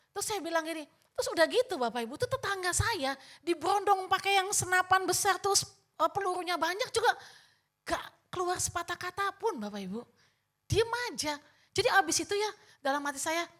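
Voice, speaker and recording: A woman's voice: very high voice, a bit bright. An older woman pastor preaching a sermon, telling a personal story and often addressing the congregation, acting out her own past remarks.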